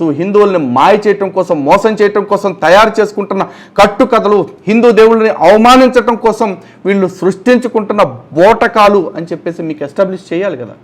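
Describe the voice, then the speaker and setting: A man commentating on testimony clips, scornful and mocking, often throwing insults. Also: fairly high pitch. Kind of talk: angry reaction commentary.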